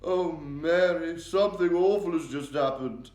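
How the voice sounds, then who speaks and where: A man's voice: fairly high pitch, a little slow, a little mellow, voice pushed up, close to an everyday voice. A man voicing an elderly, regal queen with a refined, upper-class manner, given to alarmed exclamations. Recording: roomy echo.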